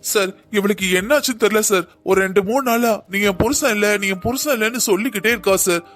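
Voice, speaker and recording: A high, quick male voice for a man playing a cocky young cartoon policeman who argues every point. He presses his case in a hurried, insistent way over light music. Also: a bit bright. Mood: pleading. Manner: boastful, argumentative. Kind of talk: cartoon dubbing.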